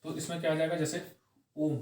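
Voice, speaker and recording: A man teaching grammar for exam prep, posing questions and answering them himself, repeating key phrases slowly and tagging lines with "okay". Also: a little high, darkish tone. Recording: echoey room, voice from far off the mic.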